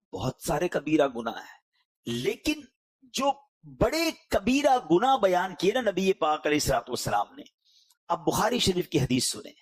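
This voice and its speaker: A man preaching with a Pakistani Urdu accent, his voice higher than most men's and rising and falling a lot. He pleads and exhorts, jumping from loud appeals to hushed, soft lines. It is an emotional sermon delivery.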